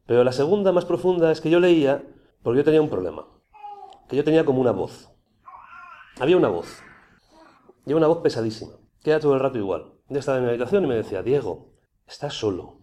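A man giving a personal testimony to an audience, speaking in a conversational, animated way. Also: mid-range voice, fast talker, pauses often. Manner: conversational, animated, with many restarts.

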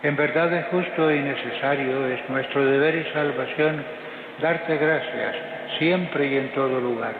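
Priest praying slowly in cathedral echo. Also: male voice, medium pitch. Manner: measured, intoning prayers aloud. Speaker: priest celebrating Mass. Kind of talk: solemn liturgical prayer. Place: large church. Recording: tinny phone-like recording of a cathedral with long echo and background noise.

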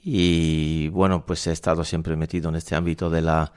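A man in his sixties from La Mancha in Spain, a priest, speaking thoughtfully with frequent pauses in a radio studio interview. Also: extremely low pitch, level tone, smooth, no room sound. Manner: thoughtful, measured, with frequent hesitations. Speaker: priest and university rector. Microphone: studio microphone.

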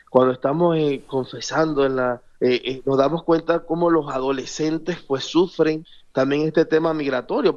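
A man's voice: a little high, a little mellow, dull audio. A Venezuelan man, a parish priest, speaking earnestly as a guest in a remote radio interview and repeating words for emphasis.

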